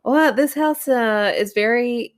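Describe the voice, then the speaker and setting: Lively woman telling a story. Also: fairly high pitch, takes it slowly. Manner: animated storyteller, laughs often. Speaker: podcast co-host. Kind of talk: casual chat, storytelling.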